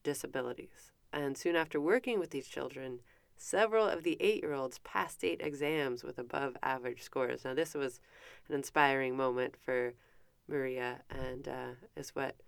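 This woman's voice rumbles low and creaky as she moves at a moderate pace through an informal lecture on an educator's life. Chatty and prone to correcting herself, she fills the talk with asides and fillers; French is not her first language, and the recording has no room sound.

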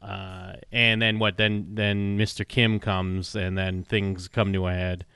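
A man's voice: low voice, flat delivery, takes it slowly, vocal fry, fairly bright tone, clear, resonant tone, no room sound. A man co-hosting a podcast, chatting loosely about a TV episode with many fillers and restarts, swearing now and then. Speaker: podcast co-host. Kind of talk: casual TV recap chat.

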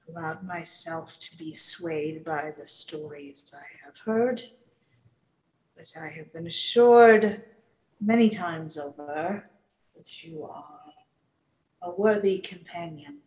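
A woman voicing a remorseful, formal man who apologizes in halting, old-fashioned speech. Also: deep voice, darkish tone, voice pushed down, poor audio. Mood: contrite.

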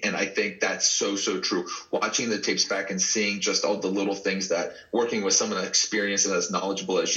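A man from Texas talks casually about his wrestling career, laughing often and restarting his sentences. His voice is bright and forceful and sits a little low. The recording sounds a bit dull and lo-fi. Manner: animated storyteller, laughs often, many restarts. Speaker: pro wrestler guest. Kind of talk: casual interview chat.

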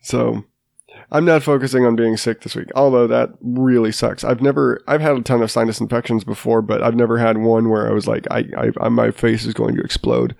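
This thirty-something host, blocked up with a sinus infection, delivers a casual solo podcast full of restarts and self-deprecating tangents. The voice is mid-range, creaky and darkish, brisk with little pitch movement. It is a dry, studio-quality recording.

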